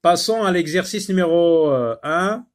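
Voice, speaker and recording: Slow, patient male French teacher. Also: high-pitched, lively intonation. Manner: slow, patient, repeats words syllable by syllable with many fillers. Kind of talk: phonics lesson for young learners.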